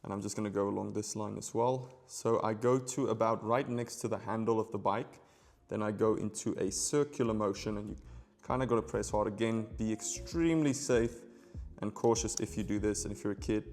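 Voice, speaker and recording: A man's voice: on the low side, brisk, a little mellow, faint music behind. A man giving a magic tutorial in casual, playful card magician patter, chatting directly to viewers.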